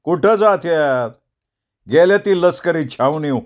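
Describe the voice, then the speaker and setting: A man doing a teasing, sharp-tongued village man. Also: on the high side, animated, unhurried, pitched above the performer's own voice. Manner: rustic village dialect, mocking banter.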